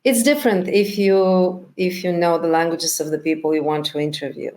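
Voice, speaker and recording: With a lowish, slightly mellow voice and a steady tone, this middle-aged woman, a documentary director and native Bulgarian speaker, responds to interview questions. She takes her time, thinking carefully and often pausing as she searches for words.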